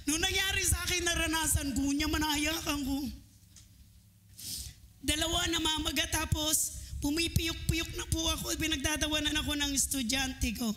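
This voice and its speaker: High-voiced animated woman preaching. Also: a little slow, long pauses, soft background music. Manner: animated, laughing often, bursts into shouts. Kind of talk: sermon with personal testimony. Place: church service.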